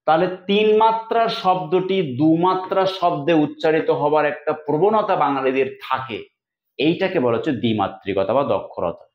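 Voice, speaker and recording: A man's voice: fairly high pitch, lively intonation, moderate pace. A man teaching an exam-prep lecture, explaining step by step and sounding out words syllable by syllable. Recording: echoey, dull lo-fi room sound.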